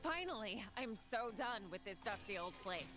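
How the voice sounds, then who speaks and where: A woman's voice: a little high, animated, moderate pace, natural voice. A woman voicing an exasperated, sarcastic young female character in a video game. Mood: fed up. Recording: clear music under the voice. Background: game music.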